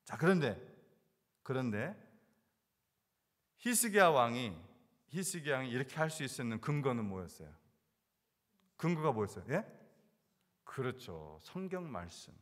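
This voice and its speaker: A man's voice: mid-range voice, very animated, normal speed, pauses often, fairly bright tone, long reverb tail. A male pastor preaching a sermon, asking the congregation questions and repeating key words for emphasis. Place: church sanctuary.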